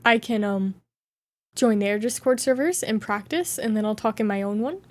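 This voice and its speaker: In a dry recording, a woman with a mid-range voice chats casually on stream at normal speed. She answers viewer questions she reads aloud during a live Q&A, playful and giggling frequently.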